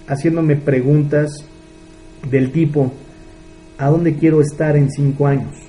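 In poor audio with slight background noise, a man in his thirties speaks in a fairly high, mellow voice. He's a business mentor with a Mexican Spanish accent, delivering an earnest motivational talk laced with rhetorical questions.

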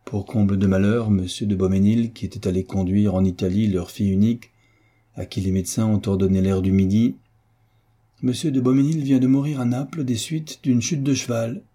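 A man voicing a worldly, confident young gentleman who talks in a lively way. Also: on the low side, brisk, breathy edge.

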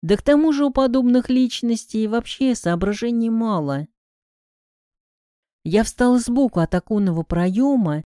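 A woman reading a first-person detective novel aloud as an audiobook narrator, with a measured, even delivery. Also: mid-range voice, no echo, clean studio sound.

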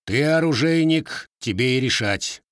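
A man's voice: mid-range voice, lively intonation, a little slow, a bit bright, clean tone, dry recording, clean studio sound, pitched above the performer's own voice. A man voicing a stern, barking old Cossack grandfather in an audiobook. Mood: gruff.

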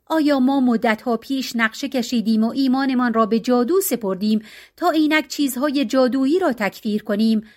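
Troubled earnest village leader guy, highish voice, woman reads him. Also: darkish tone, close to an everyday voice.

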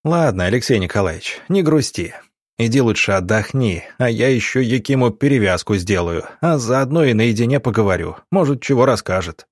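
A man voicing a calm young country doctor who talks things through reasonably in an audiobook. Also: medium pitch, fairly quick, no echo, studio quality, close to an everyday voice.

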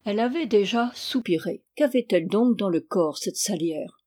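An audiobook reader narrating a historical novel in an even, measured storytelling manner. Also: mid-range voice.

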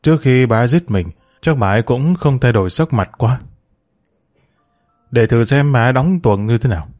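A man's voice: mid-range voice, animated, moderate pace, darkish tone, soft background music, natural voice. Man reading a brooding husband, curt lines, plain middle voice, audiobook. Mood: cold. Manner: terse, cold. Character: suspicious middle-aged husband, cold and brooding.

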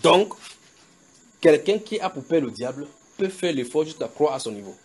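A man preaching a sermon at a house church, slowly repeating scripture and checking in with the congregation. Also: a little high, very animated, a little mellow, slightly rough. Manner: emphatic, repeats scripture slowly with call-and-response tags to the congregation. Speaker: pastor.

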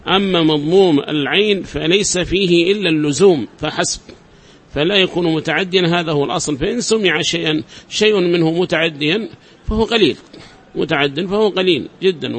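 A man teaching a class, explaining step by step, repeating examples and quizzing his students. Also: a little high. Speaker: teacher of Arabic grammar. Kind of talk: classroom lecture.

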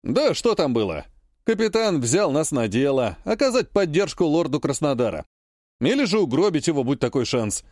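A man's voice: on the high side, big pitch swings, normal speed, a little mellow, no echo, studio quality. A man voicing a chatty male soldier telling his comrades a war story in an audiobook.

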